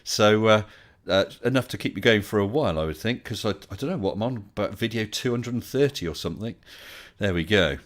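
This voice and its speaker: A man's voice: lowish voice, lively intonation, brisk, few pauses. Polite, chatty male live stream host. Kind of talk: casual live stream chat.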